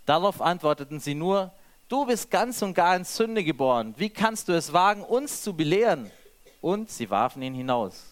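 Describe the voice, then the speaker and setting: A man's voice: high voice, big pitch swings, normal speed. A man reading scripture aloud and then preaching freely, with some restarts.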